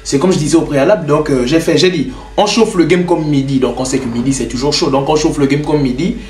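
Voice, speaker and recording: A man's voice: on the high side, fast, darkish tone, a little hiss or hum. Chatty young man explaining his beat. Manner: loose and chatty, many fillers like "genre". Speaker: home music producer and rapper. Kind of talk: casual tutorial talk to camera. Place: his bedroom. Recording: roomy bedroom echo.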